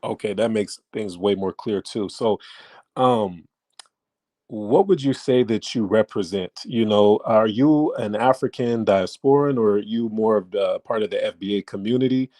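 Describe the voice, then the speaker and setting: A man hosts a relaxed interview, his voice sitting a little low and sounding close and dry. He asks loose questions padded with "you know" and "like" and keeps things friendly and casual. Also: moderate pace, no echo. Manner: laid-back, filler-heavy questions. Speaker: host interviewer.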